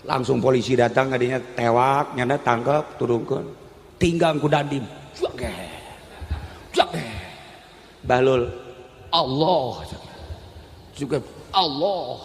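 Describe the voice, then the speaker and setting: A man's voice: medium pitch, fairly even intonation, a little slow, big-room sound, slight background noise. A man with a Sundanese accent preaching a storytelling sermon. He joks and acts out the voices of the people in his story.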